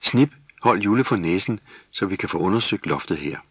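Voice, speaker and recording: A man's voice: deep voice, expressive, fairly bright tone, husky, dry recording, clean studio sound, heavily acted. A man voicing a cheeky, bossy, hot-tempered female Christmas elf in a storybook recording. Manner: commanding, quick to scold. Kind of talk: storybook character voice.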